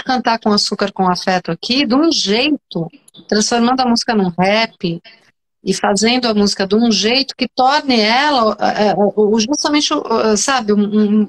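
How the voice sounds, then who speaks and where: A Brazilian woman psychoanalyst talking animatedly as a guest in an online interview, emphatic and often restarting her sentences. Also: a little high. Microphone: video call.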